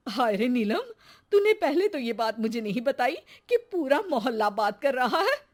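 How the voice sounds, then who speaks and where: A woman's voice: fairly high pitch, big pitch swings, moderate pace. A woman voicing a nagging mother-in-law who pesters for a grandson. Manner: nagging, loud.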